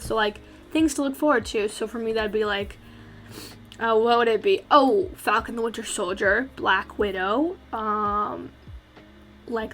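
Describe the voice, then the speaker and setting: Teen girl, fairly high voice, out of breath, chatty, filler-heavy casual voice-over. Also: fairly bright tone. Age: teens. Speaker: vlogger.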